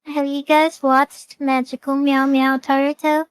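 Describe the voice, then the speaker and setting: Young woman gamer chatting, kinda high voice, dry teasing jokes, super dry sound. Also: flat delivery, unhurried, no echo, low-quality recording. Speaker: streamer. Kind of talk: casual gaming chat.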